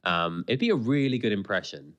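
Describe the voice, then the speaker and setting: A man co-hosting a podcast chats casually about a TV episode, excitable, rambling and full of jokes. His fairly low voice moves briskly, and the high frequencies are cut off.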